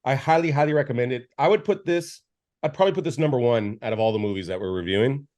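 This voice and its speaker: Talking fast at a medium pitch with a darkish tone, a man co-hosts a podcast and rambles through a film review. It's casual chat, packed with filler words and false starts.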